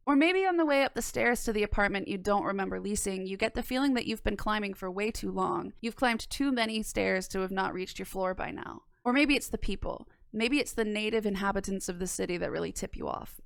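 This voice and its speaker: This young adult woman delivers wry, conversational review narration in a video-essay style, semi-scripted and dotted with casual asides. She sits close to a boom-arm microphone in a small room, and the recording is dry. Her voice is mid-range, creaky, and smooth.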